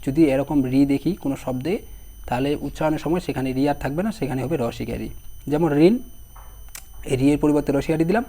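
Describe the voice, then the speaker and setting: A young man with a hoarse voice teaching an online exam-prep lesson, repeating each word slowly while spelling it out and asking his students questions. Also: fairly high pitch, warm tone.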